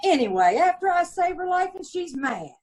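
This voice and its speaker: In an old-time radio police drama, a woman plays a witness: a gossipy, aggrieved middle-aged landlady with five kids who talks in a folksy, ungrammatical way. She sounds indignant and self-pitying, her very high, darkish voice swinging widely in pitch at a normal speed.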